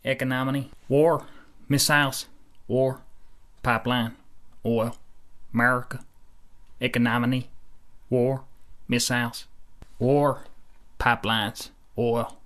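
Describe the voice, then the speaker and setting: A man doing a flat, slow-listing male politician. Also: medium pitch. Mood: musing.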